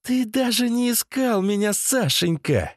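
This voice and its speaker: A man's voice: extremely high pitch, lively intonation, a little slow, no room sound, clean studio sound, pitched above the performer's own voice, heavily acted. A man voicing an unhinged, sadistic young woman who squeals and wheedles. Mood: shrill, vicious.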